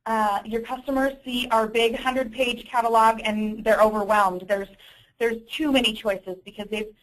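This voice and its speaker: A woman with a fairly high voice presents a business training webinar over a conference call. She explains things informally and often corrects herself mid-sentence. She comes across as slightly apologetic throughout. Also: fairly even intonation, normal speed, low-quality recording. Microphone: conference call audio.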